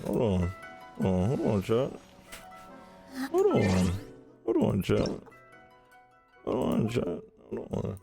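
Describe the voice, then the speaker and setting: A live streamer with a creaky, darkish, mid-range voice and a breathy edge chats casually during a gaming stream. He banters with viewers using slangy exclamations and often repeats his phrases.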